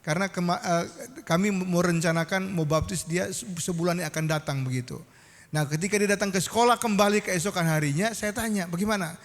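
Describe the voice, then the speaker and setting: In a church sanctuary, a pastor with a high, bright-edged voice delivers a storytelling sermon from the pulpit at a fairly quick pace. He keeps turning to the congregation for a response, and his words ring out with a long, trailing reverb.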